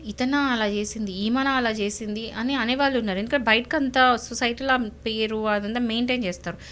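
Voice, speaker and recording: A lawyer appearing as a guest legal expert, a woman with a Telangana Telugu accent, explains legal advice conversationally and emphatically, repeating points and posing rhetorical questions. Her voice is on the high side and a bit bright, fairly quick, with fairly even intonation.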